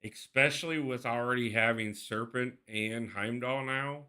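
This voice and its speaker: Man, game streamer, casual chat, thinks out loud, very bright tone. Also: mid-range voice, unhurried, smooth. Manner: chatty, thinks aloud, addresses chat by name. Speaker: streamer playing a mobile game.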